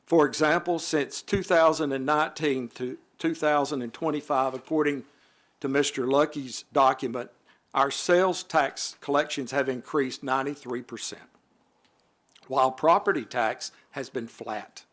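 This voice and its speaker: A man's voice: medium pitch, steady tone, moderate pace, fairly bright tone. A man on a city board, reading prepared remarks at a council meeting in a formal manner. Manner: formal, reads prepared remarks with occasional asides. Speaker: city alderman.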